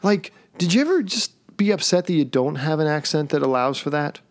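A man's voice: on the high side, lively intonation, a little fast. A man co-hosting a podcast in a playful, teasing chat, laughing often. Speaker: podcast co-host. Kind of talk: casual joking chat.

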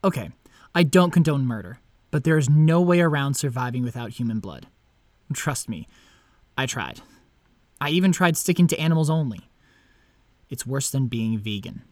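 A man's voice: mid-range voice, animated, normal speed, long pauses, darkish tone, no echo, lightly acted. A man playing an awkward, lovelorn young vampire who narrates in a self-deprecating, confiding way. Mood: reluctant, musing. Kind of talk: scripted first-person narration and dialogue.

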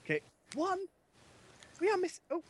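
British male co-host, high and swooping voice, gushing, gamer podcast chat. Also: moderate pace, a little hiss or hum. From Britain. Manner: gushing, excitable storyteller who squeals with delight. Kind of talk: casual gaming podcast chat.

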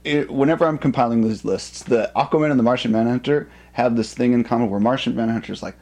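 A man's voice: mid-range voice, fairly even intonation, fast, darkish tone. A man co-hosting a podcast in casual banter, hedging and thinking aloud as he goes. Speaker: podcast co-host.

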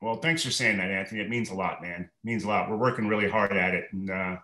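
A man in his forties, a restaurant manager guesting on a podcast, talking in a rambling, relaxed way full of fillers and restarts. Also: low-pitched, quick pace, echoey room. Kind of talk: relaxed conversational interview.

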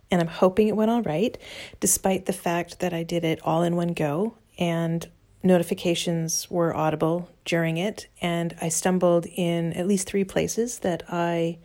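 A woman's voice: lowish voice, warm tone. A woman reading her own blog post aloud in a wry, self-deprecating way, then chatting casually, recorded under a blanket in her bedroom. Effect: close, muffled sound from recording under a blanket. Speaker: blogger.

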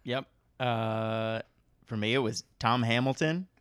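A man from the Cleveland area co-hosting a podcast, chatting slowly with an amused tone. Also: medium pitch, a bit bright, smooth, no room sound, clean studio sound. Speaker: podcast co-host. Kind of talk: casual chat.

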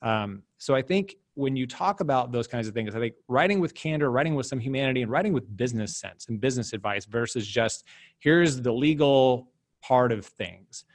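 A man speaking as a podcast guest, emphatic and animated, his pitch jumping up when he drives a point home. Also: fast talker, few pauses, no echo, clean studio sound. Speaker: guest, business development director. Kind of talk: casual podcast interview.

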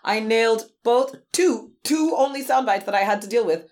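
A woman co-hosting a podcast in casual chat, playful and quick to laugh. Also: a little high, animated, darkish tone. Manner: chatty, laughs often, playful. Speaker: podcast co-host.

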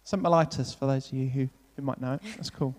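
A man's voice: mid-range voice, fairly even intonation, quick pace, a little mellow, long reverb tail. A man leading a church gathering, chatting loosely while interviewing two newcomers and then praying over them, often saying "brilliant" and "yeah". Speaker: church leader hosting an on-stage welcome. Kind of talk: casual stage interview and spoken prayer. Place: church hall with long reverb.

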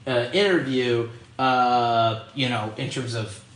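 A man's voice: mid-range voice, slow, a bit bright. A man co-hosting a gaming podcast in casual chat, rambling and hesitant. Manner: rambling, hesitant, many fillers. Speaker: podcast co-host. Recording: roomy echo.

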